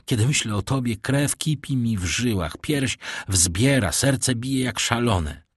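A man's voice: medium pitch, animated, unhurried, slightly rough, no room sound, studio quality. A man voicing a devoted young man in love, reading his lines from a novel in a fervent, pleading way. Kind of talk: audiobook reading.

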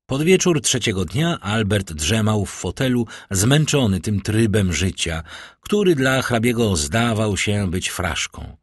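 A man narrating an audiobook in an expressive storytelling reading. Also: on the low side, slightly rough, no room sound, clean studio sound. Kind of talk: scripted narration.

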